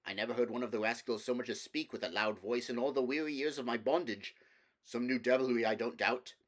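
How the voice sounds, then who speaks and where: A man's voice: mid-range voice, fairly quick, close to an everyday voice. A man voicing a noble young prince in a storybook reading, with archaic, formal, declamatory speech. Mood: courtly wonder.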